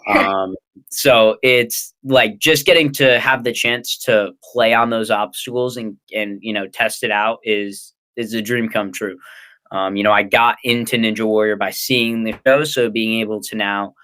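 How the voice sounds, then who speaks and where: A man's voice: fairly low pitch, fairly even intonation, measured pace, pushed and bright. A young man with an American accent, answering casually as an interview guest in a hesitant, rambling way. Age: young adult. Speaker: interview guest, ninja athlete and coach.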